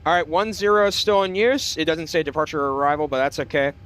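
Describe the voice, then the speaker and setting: A man's voice: on the high side, steady tone, fast talker, fairly bright tone. A man flying a simulator, chatting casually and calling out checklist items as pilot. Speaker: flight sim streamer acting as pilot. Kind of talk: casual cockpit chat with checklist calls.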